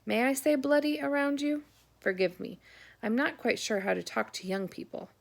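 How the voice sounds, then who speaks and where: A woman reading the lines of a warm, eccentric older British archaeologist uncle, with a British accent and a dry, courteous, brisk manner. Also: high-pitched, animated, gravelly, voice pushed up. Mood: genial. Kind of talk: audiobook character voice.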